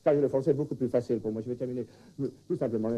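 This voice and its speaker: A man's voice: mid-range voice, fairly even intonation, racing, warm tone, voice pushed down, natural voice. A man playing a flustered foreign language teacher in a stand-up comedy sketch, stammering through puns with a put-on accent. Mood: rambling. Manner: stammering wordplay, restarts. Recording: 1979 television broadcast.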